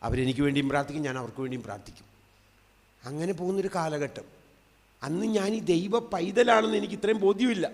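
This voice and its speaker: A man in his fifties, a lay preacher giving an emotional testimony sermon, swinging between loud emphatic cries and soft hushed asides. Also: a little high. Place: large convention hall. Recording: long hall reverb.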